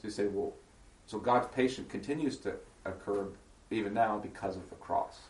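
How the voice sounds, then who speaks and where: Low-voiced man teaching a Bible study. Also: moderate pace, darkish tone. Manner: reads scripture aloud, then explains it in casual asides; asks the group check-in questions. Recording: echoey room, voice far from the mic.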